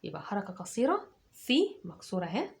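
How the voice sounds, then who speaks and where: An Egyptian woman teacher dictating words to children, patiently breaking them into drawn-out syllables and repeating them. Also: mid-range voice, huge pitch swings, gravelly. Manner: slow, syllable by syllable, drawn-out sounds.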